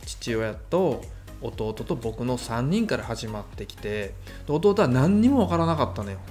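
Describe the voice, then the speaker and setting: Brief: Kansai-accented man, mentor guest, animated storytelling, pitch swings widely. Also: a little slow, soft background music. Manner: animated, chuckles while recounting. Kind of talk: conversational storytelling.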